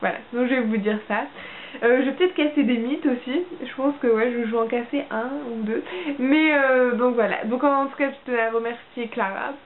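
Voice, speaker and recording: A woman's voice: a little high, normal speed. A young woman from France chatting casually to camera as a vlogger, hesitant and full of fillers and restarts. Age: young adult. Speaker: au pair vlogger. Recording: tinny phone-like audio with faint hiss.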